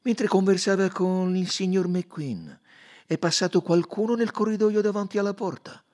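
A man's voice: high-pitched, normal speed, darkish tone, pitched above the performer's own voice, lightly acted. A man reading an audiobook, voicing a fussy, probing older male detective who questions in a coaxing, insistent way.

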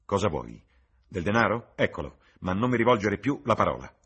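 A man reading as a curt, haunted young gentleman. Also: on the low side, big pitch swings, fairly quick, slightly rough, voice pushed up, full character voice. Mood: angry.

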